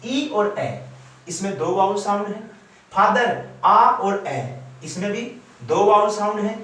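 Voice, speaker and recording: A man with an Indian accent explaining English grammar in a slow, repeating classroom lecture style. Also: sits high. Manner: explains slowly, mixing English terms into Hindi, repeating phrases. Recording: echoey room, from far off.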